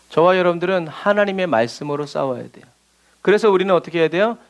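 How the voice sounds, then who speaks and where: A male pastor preaching a midweek sermon, asking the congregation rhetorical questions and acting out the lines he quotes. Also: high voice. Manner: asks rhetorical questions and answers them, acts out quoted lines.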